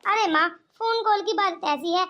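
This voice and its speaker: A woman voicing a gentle young daughter-in-law from a village in a cartoon, talking in an earnest, pleading way. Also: very high voice, moderate pace, dull audio. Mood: reassuring. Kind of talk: cartoon voice acting.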